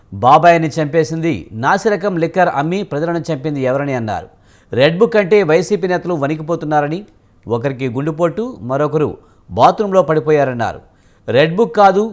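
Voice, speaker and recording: Man reading a news voice-over. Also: fairly high pitch. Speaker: news reporter.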